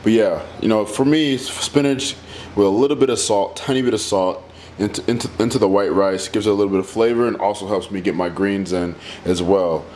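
Low-voiced man rambling through meal prep. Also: fairly quick, a little hiss or hum. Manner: relaxed, rambling, talks while cooking. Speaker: fitness trainer. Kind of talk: casual cooking walkthrough. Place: home kitchen. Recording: music playing under voice.

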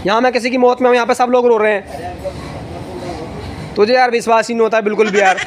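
A young man on a staged prank phone call, talking rapidly, pleading and exasperated. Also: very high voice, flat delivery. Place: metro train. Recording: noisy metro carriage.

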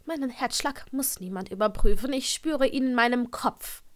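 A woman voicing a tart, caring older female witch professor, with a sharp, dry wit, in an audiobook. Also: a little high, normal speed, natural voice. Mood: weary.

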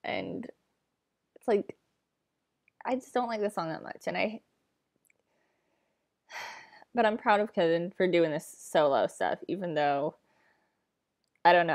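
Slow-talking young woman, hesitant and rambling. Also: lowish voice, darkish tone. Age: young adult. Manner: hesitant, rambling, trailing off with sighs. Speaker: reaction vlogger. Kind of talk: casual reaction commentary. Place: small bedroom, indoors. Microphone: laptop webcam mic.

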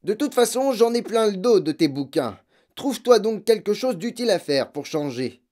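A man playing a brutish, bad-tempered father who barks and shouts in a storybook reading. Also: sits high, sing-song, normal speed, pitched above the performer's own voice. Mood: furious. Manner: shouting, barking.

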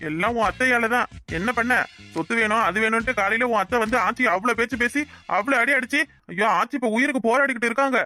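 A woman's voice: fairly high pitch, pushed and bright, faint music behind. A woman voicing a drunken village father in a cartoon family drama, scolding and self-pitying. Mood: pleading. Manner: rapid, nagging, scolding. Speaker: voice actor.

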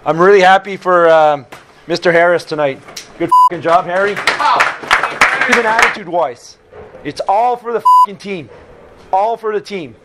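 High-voiced coach rallying his team. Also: unhurried, pauses often, very noisy. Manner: emphatic, repeats short phrases. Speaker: hockey coach. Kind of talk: locker room pep talk. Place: locker room, indoors.

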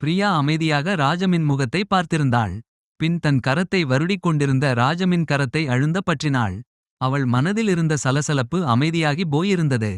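A man reading an audio novel aloud in a steady, measured way. His voice is notably high for a man, and the recording is dry with no room sound. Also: no room sound. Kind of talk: scripted narration.

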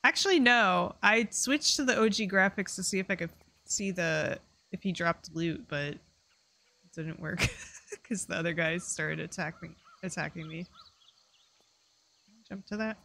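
Female streamer, casual chatty play-along commentary, slightly low voice. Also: measured pace, creaky, pushed and bright, a little hiss or hum. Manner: chatty, rambling, lots of fillers. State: hiccups. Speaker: streamer playing a game.

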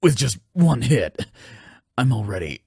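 A man voicing a weary, wounded monster warrior with a gravelly, husky voice in game-style acting. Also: mid-range voice, sing-song, measured pace, warm tone, dry recording, clean studio sound, full character voice. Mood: pained, strained.

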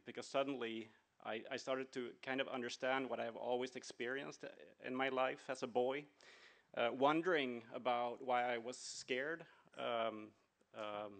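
A man's voice: medium pitch, gravelly, a bit bright. A middle-aged man from Sweden and Venezuela, speaking earnestly at a conference with many fillers and restarts. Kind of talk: conference talk.

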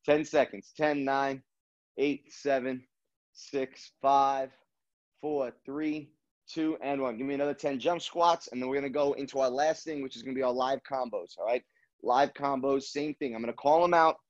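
A man's voice: medium pitch, fairly even intonation, moderate pace. A man in his thirties coaching a kickboxing class, calling out boxing combos and counts in short clipped commands with encouragement. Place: apartment living room, indoors. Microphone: video call, standing back from laptop. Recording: dull lo-fi video-call audio.

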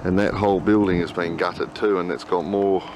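A middle-aged travel vlogger holds a camera at arm's length outdoors, near a motel and city streets, casually narrating his travels. His voice is deep, steady and moderately paced, and the noisy camcorder audio picks up street sounds and a crowd in the background.

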